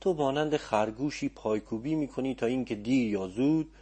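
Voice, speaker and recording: A man reading an old male sorcerer's lines in an audiobook, in a hushed voice and with calm, commanding instructions. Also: medium pitch, husky, lightly acted. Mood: hushed urging.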